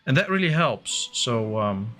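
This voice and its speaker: Over soft background music, a man who is not a native English speaker streams a game and chats casually with viewers. His mid-range voice is very animated, unhurried and fairly bright, and he answers chat with plenty of fillers.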